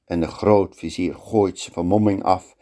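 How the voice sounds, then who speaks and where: A man telling a fairy tale aloud. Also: sits low. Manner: slow and lively storytelling. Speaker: storyteller.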